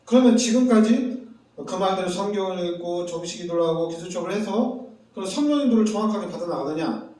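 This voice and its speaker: Pastor guy preaching, high mellow voice, super echoey church mic from far off. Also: fast. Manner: animated preaching, acting out quoted voices. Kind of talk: sermon. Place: church sanctuary.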